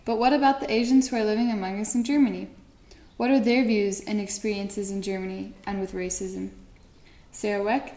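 A woman presenting a segment and asking interview questions in a clear, prompting tone. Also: mid-range voice, dark tone. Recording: roomy echo.

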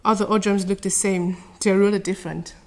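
A woman from China whose first language is Chinese, answering interview questions carefully in a somewhat halting, earnest way. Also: medium pitch, steady tone. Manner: careful, earnest, slightly halting non-native phrasing.

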